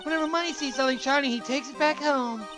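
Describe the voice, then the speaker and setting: A man's voice: very high-pitched, quick pace, music in the background. Man putting on an airy, girlish circus sweetheart. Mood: sweet.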